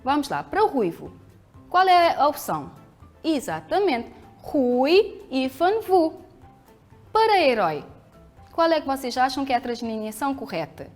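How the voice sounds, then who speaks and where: A woman teacher with a European Portuguese accent, her voice high and rising and falling a lot. She talks to pupils clearly and patiently, asking questions and answering them herself. Soft music plays faintly behind her. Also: sing-song, normal speed. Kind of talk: televised school lesson.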